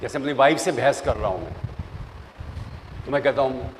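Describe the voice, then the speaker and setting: An older man, a professor, giving lively classroom advice, telling stories and acting out the voices of people in them. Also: medium pitch, moderate pace. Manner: animated, storytelling, mixes English phrases, acts out quoted voices. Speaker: professor giving interview tips. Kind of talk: classroom lecture. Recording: long reverb, faint noise.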